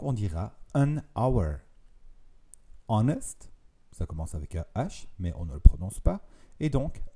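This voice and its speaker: A man, patiently explaining grammar in a video lesson, slowing down to spell out each example. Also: on the low side, mellow, slightly rough. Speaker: language teacher.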